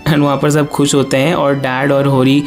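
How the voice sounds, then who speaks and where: A man's voice: medium pitch, level tone, moderate pace. A young man casually recapping an anime episode in a chatty way, often mixing in English words. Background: faint background music.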